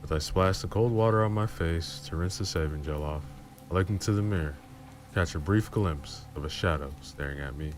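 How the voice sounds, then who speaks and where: Deep-voiced male narrator for horror story readings, calm and low-key. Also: fairly quick, slight background noise.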